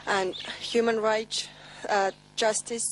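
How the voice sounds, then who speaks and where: A woman's voice: a little high, flat delivery, takes it slowly, poor audio. Finnish accent woman in her 20s, thoughtful, kinda hesitant, faint hum. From Finland. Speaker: youth party board member.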